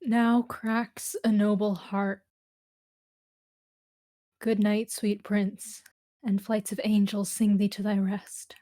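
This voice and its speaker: A woman reads a young nobleman's loyal friend in a stage tragedy. The delivery is earnest and measured, with very little melody and a solemn, grieving temper. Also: medium pitch, flat delivery, a little mellow, close to an everyday voice. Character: loyal, grieving male friend of a dying prince. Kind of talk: amateur read-through of Shakespeare verse drama.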